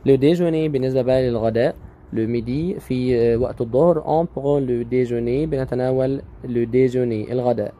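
A man with an Egyptian Arabic accent teaches French grammar online in a warm, mid-range voice, patiently repeating each word slowly.

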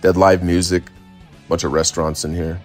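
Holding his phone at arm's length, a laid-back travel vlogger of about forty narrates casually and informally as he moves through town streets and along a beach. His voice is low, with little pitch movement, and he speaks briskly. Faint music plays behind him.

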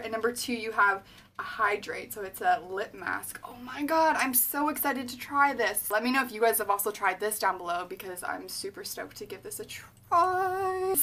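A young woman from Canada, hosting her own vlog and gushing with excitement as she opens a gift package, full of little fillers and exclamations. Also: mid-range voice. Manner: gushing, breathless, lots of likes and oh my gods. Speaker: vlogger.

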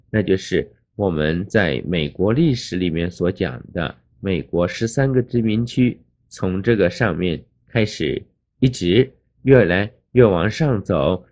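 A man's voice: low-pitched, darkish tone. An older man teaching in a patient lecture, naming places and repeating the English words with care. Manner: explains slowly, spells out English place names. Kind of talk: classroom lecture over a map. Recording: dull lo-fi recording.

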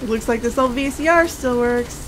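A woman's voice: fairly high pitch, fairly quick. A woman co-hosting a game playthrough, reading text casually with playful, dry asides. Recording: clear noise and game sound behind.

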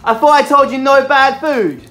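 A woman's voice: high voice, moderate pace, fairly bright tone, soft background music. A woman running pranks for her vlog, teasing and scolding in a bossy, giggly way.

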